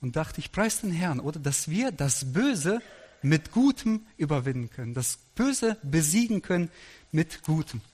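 A middle-aged male pastor preaching a sermon, telling stories with quoted dialogue in a lively anecdotal way. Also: fairly high pitch, unhurried, husky. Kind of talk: sermon storytelling. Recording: long hall reverb.

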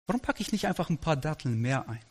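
A man's voice: fairly high pitch, fast talker, slightly rough. Man preaching in a reverberant hall. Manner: lively anecdotal preaching with quoted dialogue. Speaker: pastor. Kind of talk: sermon storytelling.

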